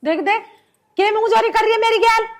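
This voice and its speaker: A woman's voice: extremely high pitch, a little fast. An actress playing a harsh village mother-in-law who scolds sharply, with a Haryanvi accent. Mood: scolding.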